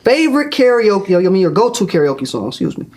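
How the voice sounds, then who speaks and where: A woman's voice: medium pitch, big pitch swings, a little fast, a little mellow. A woman hosting a casual chat, playful and laughing as she leads the questions. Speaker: host.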